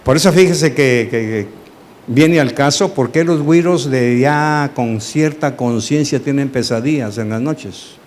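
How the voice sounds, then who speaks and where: A man's voice: mid-range voice, a little slow, a little hiss or hum. A man, a pastor teaching a Bible study sermon, asking the congregation questions and acting out dialogue. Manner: animated, asks the congregation questions, acts out dialogue.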